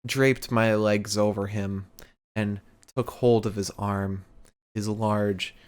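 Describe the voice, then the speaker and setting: Very slow-reading man, giggling. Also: fairly low pitch, fairly even intonation, clear, resonant tone. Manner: breaks into laughter while reading. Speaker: podcast co-host. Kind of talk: reading comedic fan fiction aloud.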